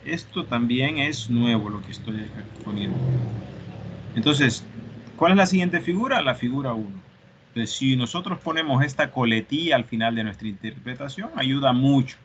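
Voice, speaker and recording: A man's voice: medium pitch, lively intonation, normal speed, fairly bright tone, slight background noise. A male teacher lecturing an online class, explaining step by step and often checking for understanding.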